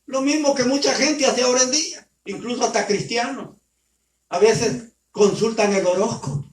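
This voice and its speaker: A man preaching, retelling a scripture story in an animated way and speaking directly to his listeners as brothers. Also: very high-pitched, normal speed. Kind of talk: sermon storytelling. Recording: roomy sound from far off.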